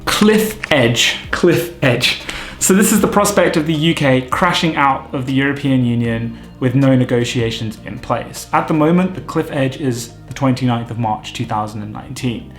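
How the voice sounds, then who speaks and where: A man hosting a vocabulary lesson, explaining terms clearly with light jokes. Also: mid-range voice. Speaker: vocabulary teacher, channel host. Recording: echoey room with faint music.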